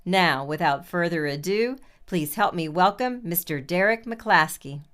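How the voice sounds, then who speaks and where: A woman delivers scripted narration in a formal manner. Her voice is a little low, smooth and very clean. Each phrase is carefully enunciated. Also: lively intonation, measured pace, fairly bright tone. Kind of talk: scripted narration for listening practice.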